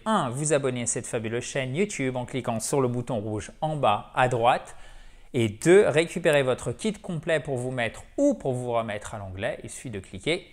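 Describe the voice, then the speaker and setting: Guy teaching english, chatty, repeats words a lot, middle pitch. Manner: lively, chatty, drills words by repetition. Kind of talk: French-language English lesson.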